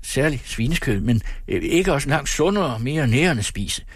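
A man's voice: medium pitch, sing-song, husky, no echo, studio quality, pitched above the performer's own voice. A man voicing a fussy, anxious middle-aged man who fawns over his sister and stammers when flustered.

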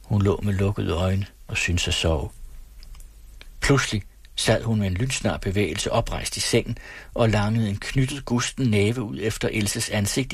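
A man narrating a novel as an audiobook in a steady, measured reading. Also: lowish voice, creaky, husky, dry recording.

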